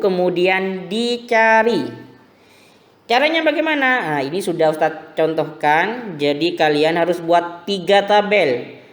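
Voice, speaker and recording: A man teaching a recorded religion lesson to primary school pupils, explaining slowly and patiently. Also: high voice, long reverb tail. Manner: slow, patient explaining to children.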